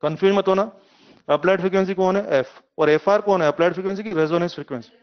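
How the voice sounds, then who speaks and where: Male teacher, middle-aged, high pitch, muffled lo-fi sound; lively lecture style, keeps quizzing students. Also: fast talker, clear, resonant tone. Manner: lively, asks students questions, uses homely examples. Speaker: physics teacher. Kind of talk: classroom lecture.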